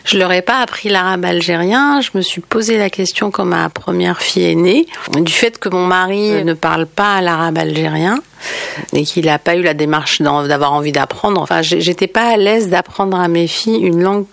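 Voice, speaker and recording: In unaccented French, a woman from Algeria responds as an interview guest, reflective and hesitant, explaining things thoughtfully. Her lowish voice is creaky and steady in tone, at a normal speed. The recording is dry and close.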